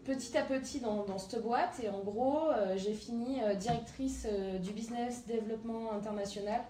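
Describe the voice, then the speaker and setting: A slightly high, dark-toned female voice at normal speed comes from an entrepreneur in her thirties from southern France. As an interview guest, she chats casually about her career with many hesitant fillers. Slight background noise is present, and the room sounds spacious, with a distant mic and faint ambience.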